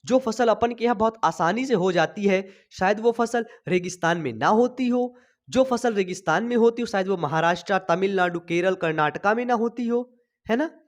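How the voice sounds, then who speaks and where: A young man with a high-pitched voice gives an online biology class lecture from a small home studio, using a sensitive desk mic. Recovering from a cough, he speaks slowly, staying chatty and constantly checking in with his students by saying "thik hai."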